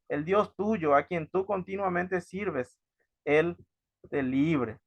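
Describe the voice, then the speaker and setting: A man's voice: sits high, gravelly, fairly bright tone, dry recording, highs cut off. A man teaching from the Bible, reading verses aloud and then explaining them, often asking his listeners for agreement. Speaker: preacher.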